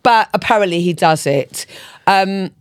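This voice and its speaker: A woman's voice: medium pitch, background noise. Frank middle-aged woman podcast co-host. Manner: frank, laughing, quick to steer the talk. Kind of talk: casual chat.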